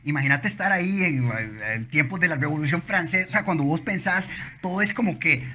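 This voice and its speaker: A man in his forties from Costa Rica with a Costa Rican accent, a guest telling his story in a casual interview with impulsive, animated storytelling and frequent restarts, in an office lounge. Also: fairly high pitch, brisk, husky. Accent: Costa Rican Spanish. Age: 40s. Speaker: guest entrepreneur. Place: office lounge studio, indoors.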